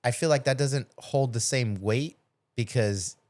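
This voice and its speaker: A man's voice: mid-range voice, a little slow, a little mellow. A man hosting a podcast, talking in a loose, rambling way with plenty of swearing. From United States. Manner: profane, rambling, laughs often. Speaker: podcast host. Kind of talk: casual podcast chat.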